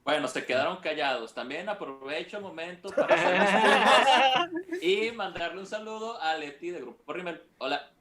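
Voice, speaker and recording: A man from Mexico, a guest on a casual podcast, talking in a teasing, animated way. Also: high-pitched, moderate pace. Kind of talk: casual chat.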